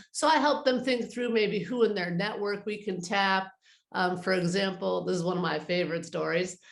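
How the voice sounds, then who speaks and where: A woman with a mid-range voice, recorded in a reverberant space, speaks conversationally as an interview guest. She's an art advisor explaining what her work involves and offering practical advice.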